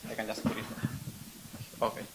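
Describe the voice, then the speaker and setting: A man in his twenties from southern Spain, speaking with a Spanish accent, gives a casual public lecture as a guest speaker in a lecture room. He's brisk, friendly and self-deprecating, joking with the audience over a noisy background.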